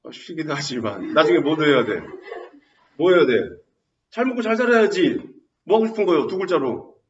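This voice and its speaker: Lively man lecturing to a class. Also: on the high side, normal speed. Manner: animated storytelling, quizzing students with questions. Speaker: high school Korean teacher. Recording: roomy, distant, dull classroom recording.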